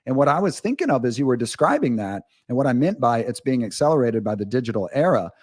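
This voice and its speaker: A man's voice: medium pitch, big pitch swings, fast, darkish tone. Candid, rambling man telling stories. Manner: candid, rambling storyteller with frank asides. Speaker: guest, author. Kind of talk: casual podcast conversation.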